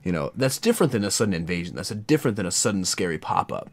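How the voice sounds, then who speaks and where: Deep-voiced American man, earnest. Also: big pitch swings, rapid-fire. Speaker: podcast co-host. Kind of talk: casual conversational chat.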